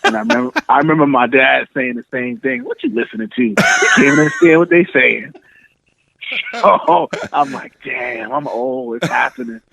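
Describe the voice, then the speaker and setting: Vocal fry colors the medium-pitched voice of a thirty-something man from New York City, speaking at a normal speed in a casual phone chat. As a podcast guest on a tinny line with background noise, he tells stories easily and laughs a lot.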